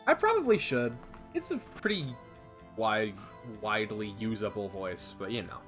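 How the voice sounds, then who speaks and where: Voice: medium pitch, very animated, normal speed, a bit bright, soft background music. A video game streamer chatting casually with the audience, wry, playful and often breaking off mid-sentence. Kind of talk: casual livestream chat and game commentary.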